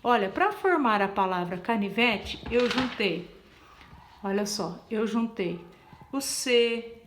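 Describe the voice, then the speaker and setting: A teacher with a highish, expressive voice takes it slowly as she patiently explains in class, spelling letters individually, counting out loud and asking "tá?". The room is echoey, with background noise.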